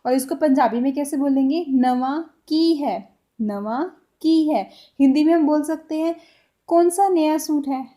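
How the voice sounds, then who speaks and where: A young woman teaching everyday phrases, explaining each slowly and repeating it as she switches between languages. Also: high voice, mellow. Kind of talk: casual spoken-language lesson.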